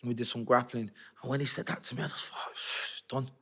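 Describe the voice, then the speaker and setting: A man, an interview guest telling his life story in a candid, animated, slangy way. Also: medium pitch, fast talker, breathy edge. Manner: streetwise, animated, slangy retelling with acted-out quotes.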